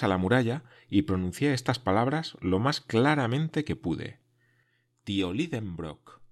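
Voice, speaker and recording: A man reading a first-person adventure story aloud, in a measured, dramatic way that sinks to hushed tones. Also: lowish voice. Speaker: audiobook narrator. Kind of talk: first-person literary narration.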